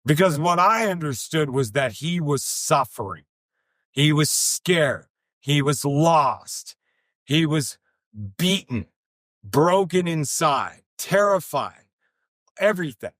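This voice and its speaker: Slow, earnest middle-aged man telling a story. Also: on the high side, animated, a bit bright, dry recording, clean studio sound. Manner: earnest, emphatic repetitions, slow deliberate pauses, occasional swearing. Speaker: podcast speaker. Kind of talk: personal storytelling monologue.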